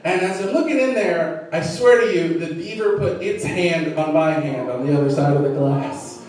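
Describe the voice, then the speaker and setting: A man doing a stand-up set, telling a story with lively acted-out voices. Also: on the high side, normal speed, crowd noise. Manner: animated storytelling, acting out voices. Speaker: stand-up comedian. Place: comedy venue stage. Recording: echoey club from a distance.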